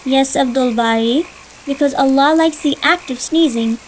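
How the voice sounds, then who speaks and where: A woman's voice: high-pitched, normal speed, a little hiss or hum, close to an everyday voice, low-quality recording. A woman voicing an older sister in a dubbed cartoon, patiently explaining things to her little brother. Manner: explaining, gently teaching, a little impatient.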